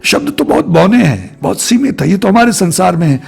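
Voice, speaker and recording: A man's voice: high-pitched, big pitch swings, fairly quick, creaky, husky, soft background music. A man giving a reflective spiritual talk to his viewers, repeating phrases in long lists. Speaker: spiritual speaker.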